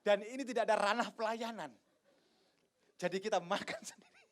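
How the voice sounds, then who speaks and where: A man in his fifties from Indonesia, a pastor telling stories in a sermon, swinging from hushed asides to loud exclamations and acting out the dialogue. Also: high-pitched, brisk. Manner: acts out dialogue in different voices. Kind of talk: sermon with personal testimony.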